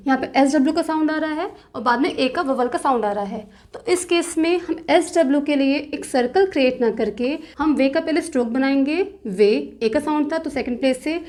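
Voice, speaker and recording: A woman teaching shorthand step by step, patiently repeating rules and slowly drawing out example words, with terms. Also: high voice, darkish tone. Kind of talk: step-by-step tutorial explanation.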